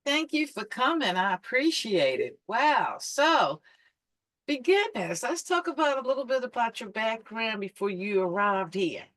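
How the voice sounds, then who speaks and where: A woman's voice: fairly high pitch, sing-song, a little slow, fairly bright tone, dry recording. A woman hosting an interview show, introducing her guest with upbeat enthusiasm and asking questions. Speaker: podcast host.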